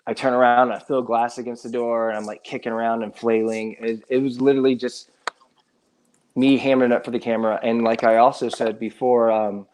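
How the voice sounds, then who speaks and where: Rambling, halting man on a live stream. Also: medium pitch, flat delivery, a little mellow, a little hiss or hum. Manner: rambling, halting, many restarts. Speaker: guest musician. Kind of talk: casual live stream chat. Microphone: live stream setup.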